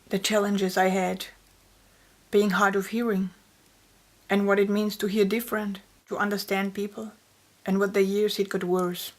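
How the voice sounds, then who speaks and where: Woman, poet, reflective interview storytelling, mid voice, narrow melody. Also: medium pitch. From Austria. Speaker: poet and author.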